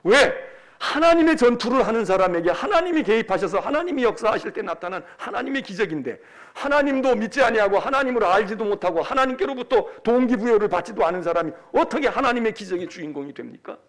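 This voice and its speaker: A senior pastor preaching a sermon. He is animated and emphatic, and he acts out quoted speech. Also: sits high, quick pace.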